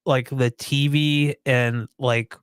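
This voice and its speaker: A man's voice: medium pitch, fairly even intonation, slow pace, clear, resonant tone, dry recording. A young man co-hosting a podcast live stream, chatting casually in an easygoing, rambling, self-deprecating way. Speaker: podcast co-host.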